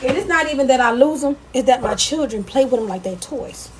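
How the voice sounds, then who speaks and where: A woman's voice: high voice, lively intonation, brisk. A woman vlogging casually in her home kitchen, chatting to viewers and her kids while she cooks. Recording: loud background noise.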